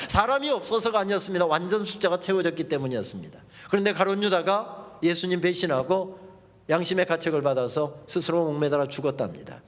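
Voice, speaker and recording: Guy pastor with a high voice, lively revival sermon, long church-hall reverb. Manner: lively preaching with playful dialect quotes.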